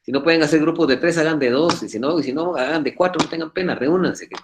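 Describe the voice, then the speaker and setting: A man teaching an online law class over a video call, talking fast in an earnest, fatherly, repetitive way. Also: fairly high pitch, noisy background. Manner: talks fast, admits he speaks too quickly. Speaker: law professor.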